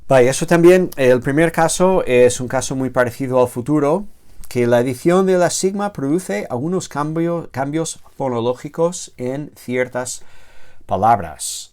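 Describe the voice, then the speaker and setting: A man teaching a grammar lecture, slow and halting, with many self-corrections and filler sounds, drawing out the word forms he spells. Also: medium pitch, animated, darkish tone, smooth. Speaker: theology teacher.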